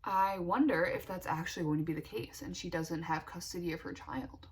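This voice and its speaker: A woman's voice: fairly low pitch, fairly quick. Chatty young woman vlogger wearing retainers. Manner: talking with retainers in; informal, thinking aloud. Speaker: beauty vlogger. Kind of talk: casual chatty get-ready-with-me vlog.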